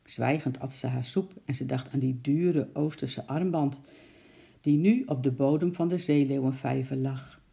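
Gravelly, dark-voiced storybook reader. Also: medium pitch, a little slow. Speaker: narrator. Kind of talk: reading a children's story aloud.

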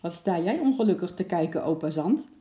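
A cheerful, hearty man calls out in a loud, jovial voice, as a narrator acts him out. The tone is dark and a little gravelly. It is recorded in a roomy, echoing space. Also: mid-range voice, animated, moderate pace, voice pushed up, natural voice. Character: cheerful jolly man, a zoo worker. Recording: roomy echo.

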